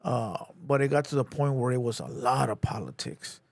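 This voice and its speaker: A man's voice: medium pitch, animated, moderate pace, vocal fry, no room sound. A man casually chatting on his livestream, loose and slangy, with lots of "you know" and "bro". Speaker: livestream host.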